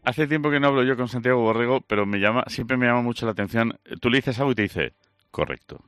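A man's voice: mid-range voice, steady tone, rapid-fire, a bit bright, clear, resonant tone, no echo. A man hosting a local radio show, chatty and joking with his guests, in a studio. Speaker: radio host. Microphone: studio microphone.

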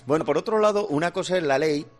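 A man's voice: fairly high pitch, fast, faint music behind. A man with a Basque Spanish accent, joking his way through a comic radio chat. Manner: jokey, playful explainer. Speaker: radio comedy contributor.

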